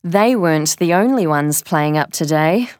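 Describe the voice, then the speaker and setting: A woman's voice: low-pitched, expressive, normal speed, a little mellow, dry recording, clean studio sound. A woman voicing a chatty dad, conversational and mildly puzzled. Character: chatty dad telling about his workday.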